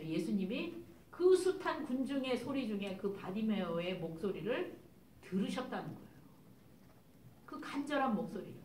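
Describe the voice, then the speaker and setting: A woman's voice: sits high, darkish tone, slight background noise. Emphatic woman preaching in an echoey church. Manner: emphatic, asks the congregation rhetorical questions. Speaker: missionary preacher. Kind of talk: sermon. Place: church sanctuary. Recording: echoey church hall, distant mic.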